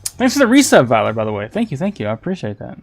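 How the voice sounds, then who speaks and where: A male game streamer chats casually with his viewers, rambling through restarts and repeated words. His voice sits at an everyday middle pitch. Faint game music runs underneath. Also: wildly swooping pitch, rapid-fire, vocal fry. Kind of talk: casual livestream gaming chat.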